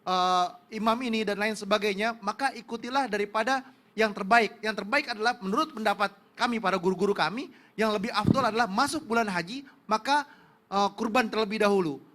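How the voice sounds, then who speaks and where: A male preacher lays out religious rulings on a television talk show, earnest and full of small fillers. His voice sits very high and bright, and he moves along at a brisk clip.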